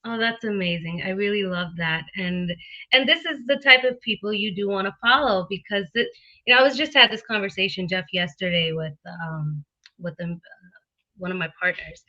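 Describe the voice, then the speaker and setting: A woman's voice: medium pitch, normal speed, pushed and bright, highs cut off. A woman in her thirties hosting an interview as a realtor, bubbly and laughing often, with many fillers and restarts. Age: 30s. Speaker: realtor and show host. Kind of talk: casual interview chat.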